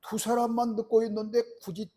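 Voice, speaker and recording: Middle-aged male pastor, earnest sermon delivery, high husky voice. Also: little pitch movement, brisk, dark tone. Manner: earnest preaching with rhetorical questions to the congregation.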